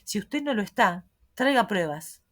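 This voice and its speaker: A woman reading the lines of a stern male court president, speaking gravely and with a threatening edge. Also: medium pitch, lively intonation, a little slow, lightly acted. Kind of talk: audiobook reading.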